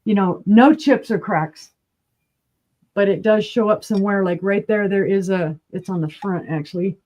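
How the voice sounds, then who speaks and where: A woman's voice: mid-range voice, moderate pace, a little mellow. A woman hosting a live-stream vintage glass auction, chatting casually and describing each piece with asides. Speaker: online glass auction host.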